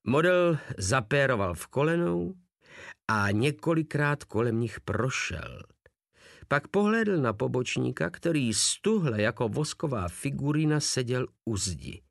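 A man narrating an audiobook in an expressive storytelling manner. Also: medium pitch, creaky, dry recording, clean studio sound. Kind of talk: audiobook reading.

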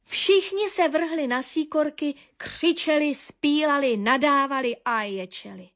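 A woman narrating a children's animal story with a lively, expressive reading. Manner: lively expressive reading, dropping low for asides.

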